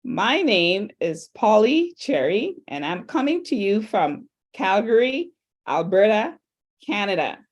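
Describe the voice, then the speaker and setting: A woman's voice: mid-range voice, slow pace. Upbeat woman from Trinidad and Tobago hosting. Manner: chatty, upbeat, lively asides. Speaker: host. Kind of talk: online panel hosting.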